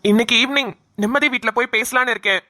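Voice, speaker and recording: A woman's voice: a little high, pushed and bright. A woman voicing a young male doctor in a cartoon, pushy and demanding as he presses his girlfriend for an answer. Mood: insistent. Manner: pushy, demanding, rapid questioning. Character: young man, insistent doctor pressing for marriage. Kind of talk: cartoon voice acting.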